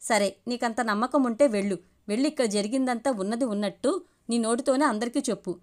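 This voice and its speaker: A woman's voice: fairly high pitch, brisk, a little mellow, close to an everyday voice. Woman doing a smug teasing young guy, long taunting rants, storybook reading. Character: cocky young man, teasing and manipulative.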